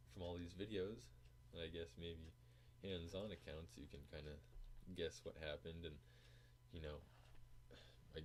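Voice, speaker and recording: A male podcast host with a very deep, low voice talks off the cuff. He rambles and hesitates, restarting thoughts and swearing freely as he goes. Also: a little hiss or hum. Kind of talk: casual podcast monologue.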